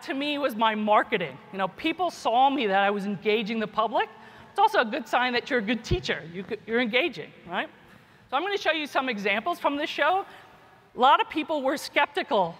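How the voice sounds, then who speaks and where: A woman keynoting as a scientist and teacher speaks informally in a slightly high, fairly bright voice, regularly adding "right?" and "you know." Her words echo with long reverb in a large conference hall.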